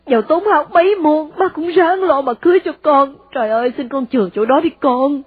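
A woman with a Southern Vietnamese accent voicing an anguished, devout older mother who implores her son, in a husky voice. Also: high voice, fairly quick, dry recording, phone-quality sound, pitched above the performer's own voice, natural voice. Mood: pleading. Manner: imploring, sighing exclamations.

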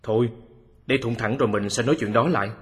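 A man playing an excitable, grateful lawyer who questions the detective eagerly in a radio drama. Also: mid-range voice, fast talker, lightly acted. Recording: long hall reverb.

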